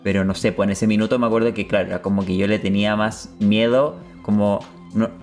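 A man with a Chilean accent in a casual chat, talking in a relaxed, slangy, reflective way. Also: on the low side, brisk, soft background music.

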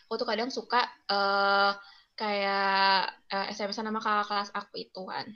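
Bright-voiced chatty young woman. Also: medium pitch, little pitch movement, normal speed, smooth. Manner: chatty, rambling, many fillers. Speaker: interviewee. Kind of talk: casual storytelling. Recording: muffled lo-fi recording.

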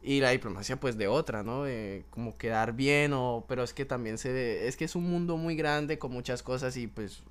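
A man's voice: mid-range voice, moderate pace, few pauses, smooth. A young man, a podcast guest, chatting casually and hesitantly, with lots of fillers. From Colombia, Bucaramanga. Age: young adult. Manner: hesitant, many fillers, laughs easily. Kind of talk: casual chat.

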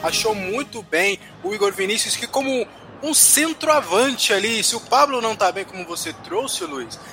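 A man's voice: high voice, expressive, normal speed, sharp tone, faint music behind. A Brazilian man giving live football analysis, recapping plays conversationally and repeating phrases as he goes.

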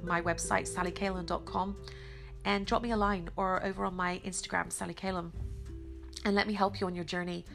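A middle-aged woman with a slightly hoarse, croaky voice hosts a motivational podcast, speaking earnestly and encouragingly with emphatic pauses. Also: on the low side, little pitch movement, over music. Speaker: podcast host. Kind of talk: motivational self-help monologue.

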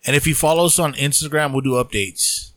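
A man's voice: fairly high pitch, brisk, fairly bright tone, no room sound. A man co-hosting a podcast, talking loosely and animatedly, swearing freely as he tells stories. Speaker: podcast co-host. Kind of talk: casual chat.

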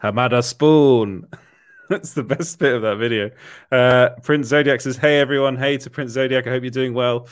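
A man's voice: mid-range voice, steady tone, normal speed, clear, resonant tone, no echo. Man laughing through a live chat. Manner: laughs often, reads comments aloud with fillers. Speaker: livestream host reading chat.

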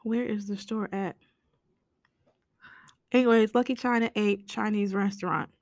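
Hoarse, raspy, whispery American woman podcaster. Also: mid-range voice, fairly even intonation, a little slow, dry recording, clean studio sound. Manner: blunt, complaining, mildly sweary. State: hoarse, voice nearly gone. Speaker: podcast host. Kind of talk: casual solo podcast rant.

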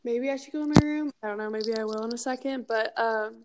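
High-voiced, chatty young college woman. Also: fast talker, very noisy. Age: young adult. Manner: chatty, slangy, frequent "like". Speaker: podcast co-host. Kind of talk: casual banter podcast. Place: kitchen at home.

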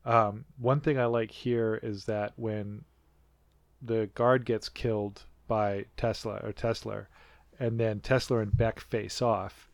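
A man's voice: lowish voice, level tone, slow pace, gravelly, no echo. A man from North America talking casually as a podcast co-host, rambling with lots of fillers and restarts. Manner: rambling, many fillers and restarts, laughs often. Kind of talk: casual chat.

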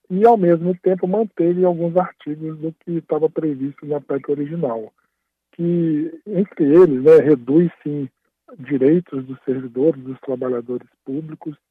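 A man speaking by phone as a radio interview guest, explaining at a steady pace and often tagging his phrases with a questioning "right?". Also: a little high, husky, no room sound. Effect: heard over a phone line. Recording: tinny dry phone line.

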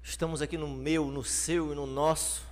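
A man's voice: a little high, little pitch movement, normal speed. A man with a Brazilian Portuguese accent co-hosting a podcast in casual, slangy banter, emphatic and often repeating his phrases. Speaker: podcast co-host.

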